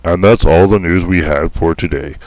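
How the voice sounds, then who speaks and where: Guy doing a fake news anchor, lowish voice, dry sound, deadpan. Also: normal speed, no echo, low-quality recording. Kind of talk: parody newscast reading.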